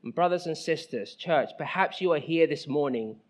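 A man in his thirties preaching a sermon, emphatic, asking rhetorical questions and dropping from loud cries to soft, low lines. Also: expressive, moderate pace.

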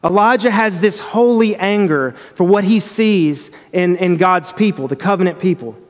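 With a high voice and moderate pace, a man delivers a devotional Bible teaching that is earnest and reflective. He frequently restarts his phrases, and a long reverb trails behind his words.

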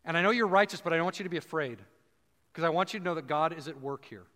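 A man preaching a conversational sermon, dropping low and slow for emphasis. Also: fairly bright tone, long reverb tail. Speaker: pastor.

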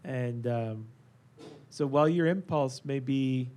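An earnest man hosts a casual faith discussion at an average pitch. He presses his points with emphasis and often restarts with "um" and "and". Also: takes it slowly, darkish tone. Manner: earnest, emphatic, many fillers. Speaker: podcast host.

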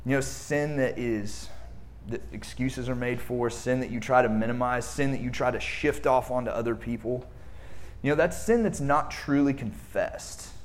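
A man's voice: mid-range voice, moderate pace. A man preaching a sermon in a conversational way, using fillers and asking the congregation rhetorical questions. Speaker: pastor.

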